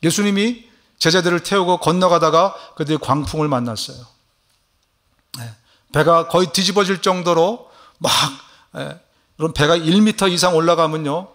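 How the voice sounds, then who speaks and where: A male pastor delivers a sermon in a church, his voice sitting a little high. He preaches emphatically, putting questions to the congregation and slowing down to voice Jesus' words. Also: a bit bright. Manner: asks the congregation questions, affirming 'ye'. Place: church sanctuary.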